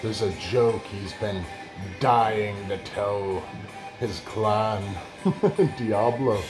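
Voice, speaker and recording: A man playing a sinister, gloating old vampire-like uncle who hosts a show, talking theatrically and breaking into cackles. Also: fairly low pitch. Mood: pontificating. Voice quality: theatrical, cackling laughs between lines. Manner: slow, drawn-out, menacing pontificating. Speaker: show host character. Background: mallet and xylophone music.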